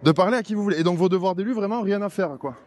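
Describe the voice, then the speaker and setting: A high-voiced man talks fast and needles an official with sarcastic, insistent questions. He is recorded on a phone at an outdoor market. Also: a little mellow, slight background noise. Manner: sarcastic, insistent, quick retorts. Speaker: citizen confronting an elected official. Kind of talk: heated street confrontation.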